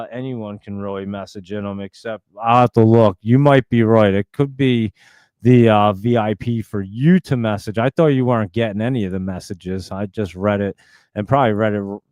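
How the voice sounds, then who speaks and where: A livestream host in his forties with a New Jersey accent speaks in a lowish, slightly mellow, smooth voice with no room sound. He rambles casually while answering viewer comments, chatty and full of fillers and restarts.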